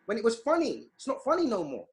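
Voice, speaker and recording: His voice is very high and swoops wildly in pitch as he speaks quickly. The man, a youth activist interviewed as a guest by video call, sounds emphatic and preachy and dramatizes quoted voices in his impassioned talk.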